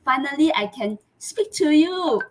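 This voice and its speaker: A woman's voice: sits high, lively intonation, measured pace. Earnest woman hosting a live chat. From Malaysia. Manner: earnest, with many fillers and restarts. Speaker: host. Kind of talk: live online interview. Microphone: video call.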